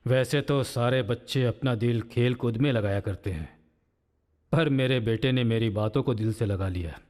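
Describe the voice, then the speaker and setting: A man's voice: mid-range voice, normal speed, darkish tone, lightly acted. An actor playing a father who talks about his young son in a Hindi film scene. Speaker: father of a small boy.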